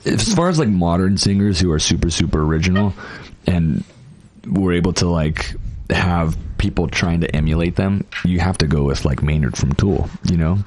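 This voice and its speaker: A man's voice: sits low, normal speed, a little mellow. A man hosting a casual podcast chat, talking about music with emphatic enthusiasm.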